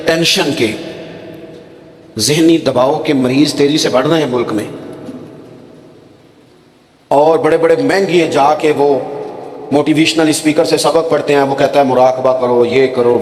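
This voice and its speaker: A man's voice: fairly high pitch, steady tone, pauses often. A man, preaching a sermon and telling stories with acted dialogue. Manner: storytelling with dramatic acted quotes. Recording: echoey hall with long reverb.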